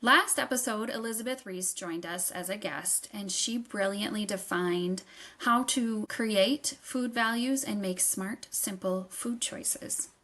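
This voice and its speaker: A woman's voice: mid-range voice, slow, pushed and bright. A woman reading a scripted podcast introduction in a polished, upbeat manner. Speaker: show announcer.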